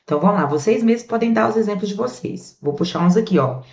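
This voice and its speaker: A Brazilian woman teaching a grammar lesson in a chatty, lively way, drawing out the words she stresses. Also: mid-range voice, fast, gravelly. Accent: Brazilian Portuguese. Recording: muffled, echoey room.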